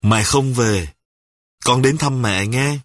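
A man's voice: mid-range voice, slow pace, dry recording, clean studio sound, close to an everyday voice. A man voicing an estranged mother who answers her son sharply. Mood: stern.

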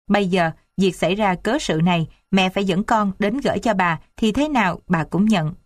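A woman's voice: medium pitch, moderate pace, no echo, clean studio sound, lightly acted. A woman voicing an upset young daughter who insists on leaving home. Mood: insistent.

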